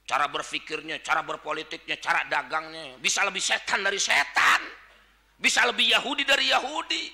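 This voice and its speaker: A man with a Betawi Jakarta accent preaching a dawn sermon, joking and swinging from quiet asides to shouted points. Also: a little high, fairly quick, creaky.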